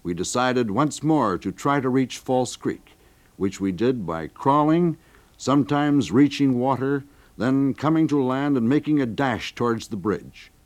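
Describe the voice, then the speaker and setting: Man reading a dramatic first-person historical account as a documentary narrator. His pitch moves in a lively way, climbing for vivid moments. His voice sits in an ordinary middle register. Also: a little slow.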